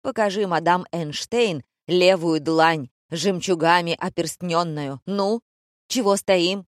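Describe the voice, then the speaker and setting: A woman voicing a loud, rude, bossy male theatre director who shouts mocking, theatrical insults in an audiobook. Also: fairly low pitch, slow pace, no room sound, clean studio sound. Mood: barking, mocking. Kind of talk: audiobook character voice.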